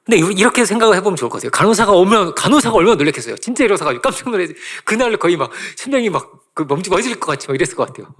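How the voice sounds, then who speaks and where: A man preaching a sermon as a pastor in a church, telling stories in a lively way and acting out quotes, with laughs in between. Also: high voice, very fast, few pauses. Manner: animated storytelling with laughs and acted-out quotes. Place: church sanctuary.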